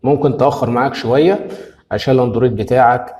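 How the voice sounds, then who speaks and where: A man's voice: mid-range voice, quick pace, a little mellow. A man with an Egyptian Arabic accent walking viewers through a phone app tutorial, repeating each step and checking in with "okay?" after it. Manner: keeps asking "tamam?" after each step; explains steps patiently and repeats them. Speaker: tech tutorial host. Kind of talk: screen-recorded phone tutorial.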